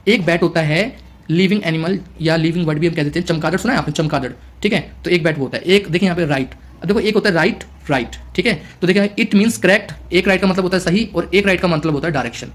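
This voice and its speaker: Male tutor with a high voice, exam-prep class, repeats himself, keeps checking students follow. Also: quick pace. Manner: repetitive, constantly checking in with students; explains in mixed Hindi and English. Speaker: teacher.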